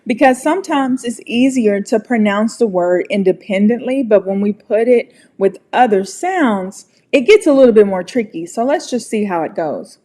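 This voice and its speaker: In a relaxed online lesson, an American woman from the United States teaches English pronunciation in a friendly, encouraging way. Her mid-range voice is mellow yet animated, and she speaks slowly and deliberately.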